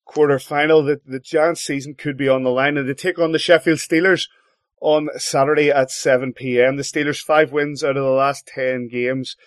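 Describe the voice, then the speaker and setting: Animated hockey host. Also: male voice, moderate pace, no echo, studio quality. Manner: animated, swoops up in pitch when stressing points. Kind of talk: casual sports chat.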